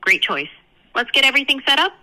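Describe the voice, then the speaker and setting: A woman's voice: high-pitched, very animated, quick pace, pushed and bright, low-quality recording. A synthetic woman's voice acting as a phone receptionist, heard through a phone on speakerphone, with polite scripted customer-service phrasing. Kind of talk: booking call.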